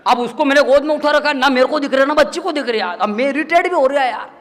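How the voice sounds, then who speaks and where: Speaking into a stage mic at a live poetry event, a stand-up comedic poet delivers humorous banter built on chatty, self-deprecating tales, voicing the characters he quotes and laughing frequently. He talks fairly quickly in a very high, fairly bright voice.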